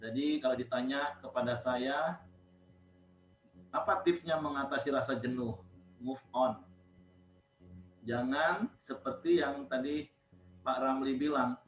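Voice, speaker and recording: A man of middle pitch hosts an online devotional session, moderating in a friendly, relaxed way. His voice sounds roomy and echoey, with a faint hiss of noise behind it. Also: takes it slowly, pauses often.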